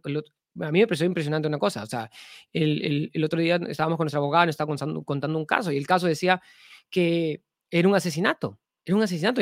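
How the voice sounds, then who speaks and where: A man's voice: sits high, vocal fry, fairly bright tone, no echo, clean studio sound. A man giving a spiritual talk to an audience, asking rhetorical questions and repeating himself for emphasis. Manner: repetitive, full of rhetorical questions; earnest, with sudden emphatic swings. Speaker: spiritual teacher.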